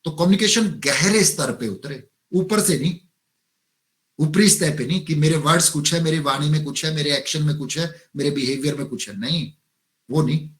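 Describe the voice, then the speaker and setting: A man with an Indian accent lectures over a video call, his voice a little higher than most. He works through numbered lists of points and keeps checking in with his listeners, mixing English terms into his talk. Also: normal speed. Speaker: webinar resource speaker. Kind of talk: motivational lecture. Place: online webinar.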